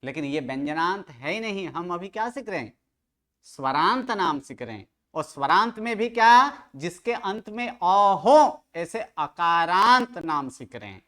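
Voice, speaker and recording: A man's voice: high voice, lively intonation, a little slow, sharp tone. A man teaching Sanskrit grammar to a study group, quizzing students with questions and correcting their pronunciation. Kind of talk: online study-group lecture.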